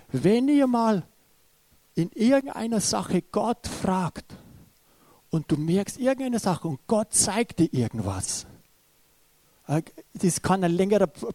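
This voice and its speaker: A man preaching in a fairly high voice, recorded dry and close with almost no room sound. He hesitates and restarts often, filling gaps with small sounds. He also turns to his listeners and speaks to them directly and urgently. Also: expressive, measured pace, warm tone, no room sound. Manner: retells a story, often restarting with hesitant fillers. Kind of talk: sermon.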